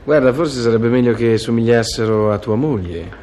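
Mid-pitched man playing straight man. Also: moderate pace, darkish tone, slight background noise. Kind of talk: conversational comedy interview.

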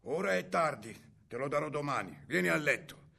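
Storybook ogress disguised as granny, sly and falsely sweet, gravelly husky voice, played by a male narrator. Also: on the high side, expressive, normal speed, bright, forceful tone, exaggerated voice. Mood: coaxing. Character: sly hairy ogress posing as a grandmother.

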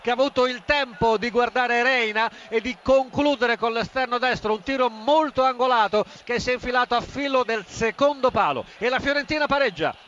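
Breathless, very high-pitched male goal commentator. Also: fairly quick, hardly any pauses, fairly bright tone. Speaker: football commentator. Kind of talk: live football commentary with handovers. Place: football stadium commentary position. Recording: dull lo-fi broadcast with background noise.

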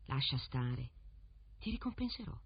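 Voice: mid-range voice, very animated, unhurried, husky, no echo, highs cut off, exaggerated voice. A storyteller voicing a sly, clever talking fox in a fairy tale, coaxing and exclaiming.

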